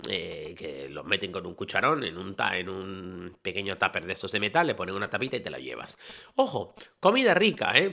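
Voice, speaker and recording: A podcast host travelling in Italy chats through a casual explainer, his lowish, slightly gravelly voice jumping all over the place. He's lively and talkative, swinging between loud bursts and quiet asides.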